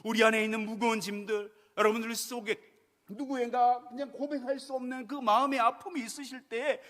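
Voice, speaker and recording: A male pastor delivers a sermon in a high-pitched voice. He poses rhetorical questions to the congregation. He drops to near hushes and then rises sharply in volume. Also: little pitch movement, brisk. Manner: rhetorical questions with dramatic swings between hushed and loud.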